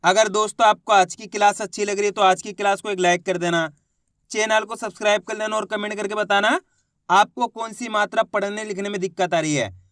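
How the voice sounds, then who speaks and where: A man's voice: high-pitched, steady tone, fairly quick, a bit bright, dry recording, studio quality. A man teaching reading in an online lesson, sounding out words syllable by syllable and then blending them, while coaxing his viewers along as friends.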